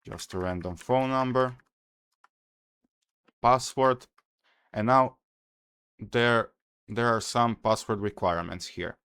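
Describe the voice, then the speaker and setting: A young man from Croatia with a Croatian accent, calmly and methodically walking through a security tutorial, pausing with "uh" as he explains. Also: mid-range voice, smooth, dry recording, clean studio sound. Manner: careful, methodical explaining with frequent "uh" pauses. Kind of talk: screen-recorded hacking tutorial.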